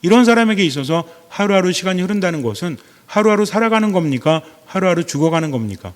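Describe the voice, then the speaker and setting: Priest preaching, rising pitch, hall echo. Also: male voice, expressive, fast. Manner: asks the audience many questions, acts out everyday quotes. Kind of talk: lecture-style sermon.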